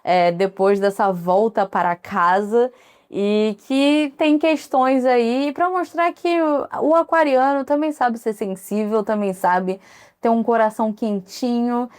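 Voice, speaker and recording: A chatty woman in her thirties from Brazil who hosts a one-person podcast in a relaxed, conversational way. She wanders into asides and tangents, with a voice that sits somewhat high for a woman. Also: takes it slowly, smooth. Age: 30s. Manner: chatty, digressive, frequent asides. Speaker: podcast host. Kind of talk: casual solo podcast chat.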